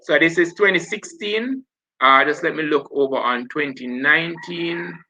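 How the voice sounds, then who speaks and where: A Jamaican man with a Jamaican accent hosts a live online revision session, talking through past papers as he works and correcting himself along the way. His voice is somewhat high, pushed and bright at a normal speed, and the audio is poor.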